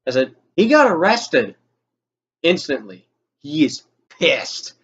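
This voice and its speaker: A young man's fairly high, husky, slightly bright voice swings widely in pitch as he slowly tells a sweary, exasperated personal anecdote, informally acting out the dialogue. The sound is lo-fi.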